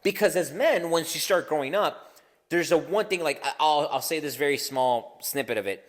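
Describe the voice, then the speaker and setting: A man's voice: a little high, normal speed, long reverb tail. A man co-hosting a casual podcast, talking in a loose, profane and laughing way with lots of restarts. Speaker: podcast co-host.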